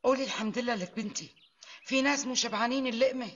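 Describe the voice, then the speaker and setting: A woman's voice: on the high side, racing, highs cut off, a little hiss or hum, close to an everyday voice. An actress in a Syrian TV drama playing an older, motherly mother-in-law who scolds fondly, with a Damascene accent. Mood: bustling. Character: older kindly mother-in-law, head of household.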